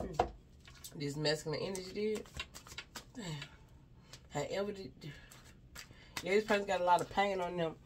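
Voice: mid-range voice, moderate pace, pauses often, noisy background. A spiritual advisor gives a casual, rambling reading to viewers. The speaker keeps repeating "you know what I'm saying," addresses an unseen person directly and sighs between thoughts.

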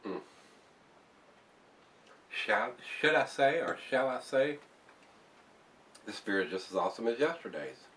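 A man's voice: mid-range voice, expressive, a little slow, long pauses, fairly bright tone, distant mic, a little hiss or hum. An older man casually reviewing a beer to camera in his home bar, rambling with fillers and restarts. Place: home bar room, indoors.

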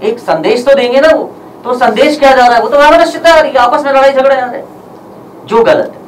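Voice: high-pitched, normal speed. Distant, accusing voice at a press conference. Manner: accusing, rhetorical questions. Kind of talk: impassioned press statement. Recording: distant mic with faint background noise.

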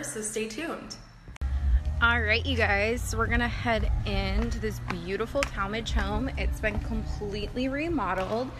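A young woman realtor giving an upbeat, chatty home tour, filmed on a phone held at arm's length in an empty house. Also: medium pitch. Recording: echoey empty rooms, faint noise.

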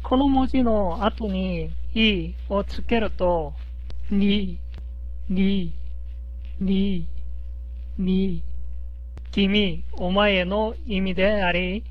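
A language teacher narrates a scripted lesson at an extremely slow, careful pace. The voice sits at a middle pitch and repeats each syllable several times so the learner can copy it. The recording sounds dull and lo-fi.

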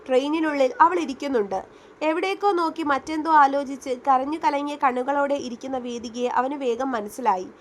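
A woman storyteller reads a romance story aloud, steady and dramatic. Her voice sits high and light. A faint noise runs underneath. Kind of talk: scripted story narration.

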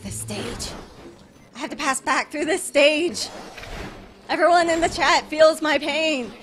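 A woman's voice: high-pitched, a little slow. A young woman live-streaming a video game, chatting on and on with growing exasperation, her voice worn from screaming. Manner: chatty, rambling and exasperated, bursting into shouting. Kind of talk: live gameplay commentary. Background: game music.

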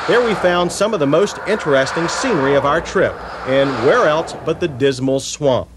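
A man reads a scripted car review with a wry, lively delivery. His pitch sits a bit high and swings up and down. A faint hiss runs under the voice-over. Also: normal speed.

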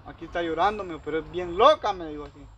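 A man's voice: fairly high pitch, rapid-fire, a bit bright, lo-fi sound, a little hiss or hum. Rambling man telling a story. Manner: rambling, heavy use of quoted dialogue. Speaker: storyteller recounting a personal dispute. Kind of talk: casual storytelling.

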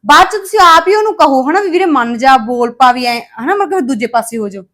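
An actress playing a stern sister-in-law who lectures a younger girl with sharp retorts. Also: high voice, lively intonation, fast. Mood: scolding.

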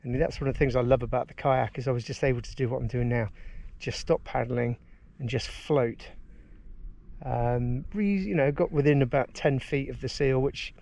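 Here an outdoors vlogger from England, in his forties, speaks at an ordinary pace in a creaky, medium-pitched voice while kayaking down a river. Addressing the action camera mounted on his kayak, he's relaxed and enthusiastic, his casual narration full of fillers.

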